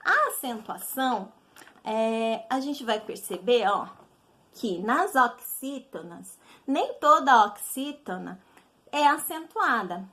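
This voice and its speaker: A woman's voice: fairly high pitch, very animated, takes it slowly, bright, forceful tone. A woman teacher with a Brazilian Portuguese accent, patiently explaining a recorded lesson to children and checking in often.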